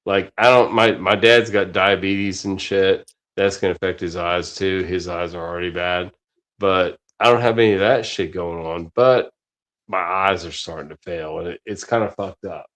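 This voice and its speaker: A man pushing fifty rambles through a casual podcast chat, swearing freely and tripping over his own restarts. His voice sits fairly low. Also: normal speed, a bit bright. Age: 40s. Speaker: podcast host.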